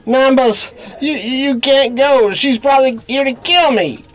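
Man as flustered small-time mob boss, high whiny pitch, stammering, cowardly, vintage 1930s radio crime acting, music bed. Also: a little slow, a bit bright, rough recording. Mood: nervous, flustered. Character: cowardly small-time mobster bar owner, whining and flustered.

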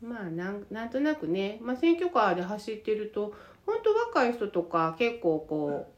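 A woman's voice: medium pitch, big pitch swings, moderate pace, dull audio. Woman chatting in Kansai Japanese dialect. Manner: colloquial Kansai dialect talk. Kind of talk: casual reflective conversation.

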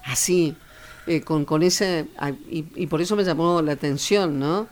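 A co-host with an Argentine Spanish accent, speaking fervently about prayer and announcing a church prayer service. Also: medium pitch. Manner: fervent, reads scripture slowly and gives church announcements. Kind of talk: devotional talk with announcements.

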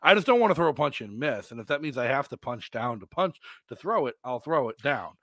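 A man hosting a casual podcast, telling stories in an animated way and laughing often. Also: mid-range voice, fairly quick, no echo. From New Hampshire, United States. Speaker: podcast host.

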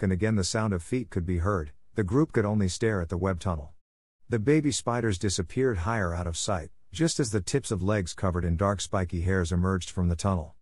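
A low-voiced man narrates a fantasy story in a steady, read-aloud way. His voice sits close to the mic in a dry, dead space. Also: dry recording. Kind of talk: scripted narration.

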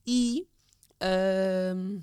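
A woman's voice: mid-range voice, steady tone, drawn-out words, dark tone, clean tone. A woman, talking casually and expressively as a podcast guest, telling stories and acting out what people said. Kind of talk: casual conversational storytelling.

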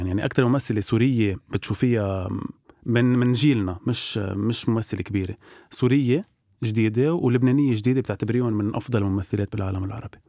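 Very fast-talking man with Levantine accent. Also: mid-range voice, mellow, no echo, studio quality. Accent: Levantine Arabic. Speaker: interview host. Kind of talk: casual bantering interview chat.

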